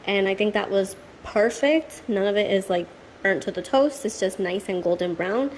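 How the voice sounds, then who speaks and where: A woman's voice: medium pitch, moderate pace, a little mellow, slight background noise, poor audio. A woman chatting casually and upbeat through a home cooking vlog, joking about her own results. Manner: chatty, upbeat, self-deprecating. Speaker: nail channel host trying a recipe. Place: home kitchen.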